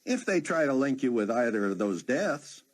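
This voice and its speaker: A man's voice: medium pitch, sing-song, moderate pace, voice pushed up. A man voicing an easygoing, teasing male roommate in an audiobook. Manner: casual, teasing.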